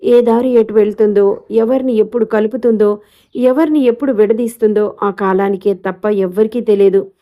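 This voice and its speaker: Quiet sad young wife in a storybook, woman reading her, soft reflective lines, mellow voice. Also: mid-range voice, fairly even intonation, normal speed, lightly acted. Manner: subdued, reflective.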